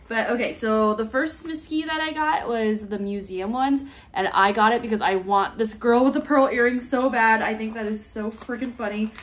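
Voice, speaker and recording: A young woman chatting casually as a travel vlogger, giggly and full of fillers, unboxing toys in a hotel room. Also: medium pitch. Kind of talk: casual chat.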